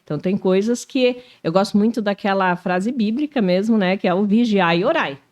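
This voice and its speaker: Uma mulher de cinquenta e poucos anos com sotaque do sul do Brasil, conversando como convidada numa entrevista, animada e cheia de "né". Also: female voice, mid-range voice, fairly quick. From Brazil. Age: 50s. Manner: animated, frequent tag questions "né". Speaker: shopping mall executive, guest. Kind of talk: casual interview talk.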